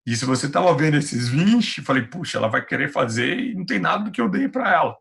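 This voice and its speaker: A man's voice: on the high side, very animated, fast, creaky, a bit bright. A male physics teacher with a Brazilian Portuguese accent, giving an online class in a patient, reassuring, chatty way over a computer mic.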